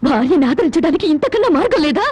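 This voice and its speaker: Film melodrama: a wronged young wife, very high and lively voice, bitter and sarcastic, faint score underneath. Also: female voice, racing, dry recording. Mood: tearful scolding. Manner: reproachful, sarcastic, tearful. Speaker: film actress.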